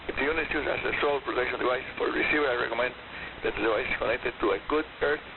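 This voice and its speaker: The host of a shortwave radio programme races through his scripted presentation in a gravelly, mid-range voice. Reception is hissy and narrow-band, with radio static and hiss behind him.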